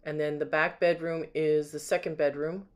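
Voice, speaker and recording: The voice is mid-range and flat, moving at a normal speed. It belongs to a home sales agent touring an empty house indoors with a handheld camera, offering a loose, unscripted commentary that admires each item in sequence.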